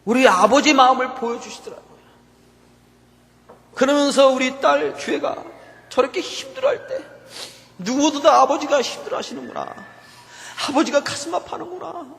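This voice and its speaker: A man with a very high voice delivers a sermon from the pulpit, pouring intense feeling into a personal story. He sounds middle-aged, and his words ring out with a long reverb through a church sanctuary. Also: normal speed, creaky, long pauses, a bit bright. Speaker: pastor.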